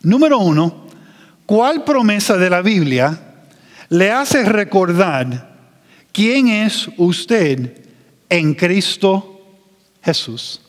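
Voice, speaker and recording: Slow-preaching man in a reverberant church hall. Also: high-pitched, big pitch swings. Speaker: pastor. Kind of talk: sermon.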